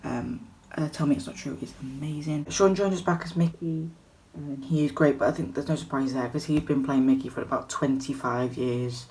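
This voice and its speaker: Low-voiced woman vlogging about theatre. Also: fairly even intonation, normal speed, darkish tone, rough recording. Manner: chatty and enthusiastic, many fillers and restarts. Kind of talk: casual vlog chat to camera.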